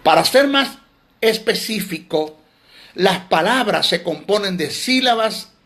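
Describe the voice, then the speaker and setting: A man's voice: high-pitched, animated, slow pace, fairly bright tone. A man teaching theology in a sermon, emphatic and scolding, often repeating words.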